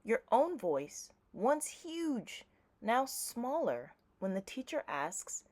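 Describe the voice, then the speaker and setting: A woman reading a children's picture book aloud, with deliberate, expressive, measured phrasing. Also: a little high. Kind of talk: scripted read-aloud narration for young children.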